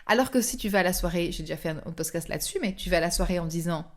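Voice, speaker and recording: A woman hosting a motivational podcast, speaking directly to the listener in an animated, coaxing way and acting out inner thoughts. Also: fairly low pitch, racing. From France. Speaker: podcast host and coach.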